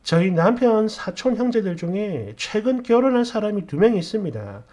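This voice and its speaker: Story narrator, man, high and animated, indignant venting tone. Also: normal speed. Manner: indignant, complaining, rhetorical questions. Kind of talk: scripted first-person story narration.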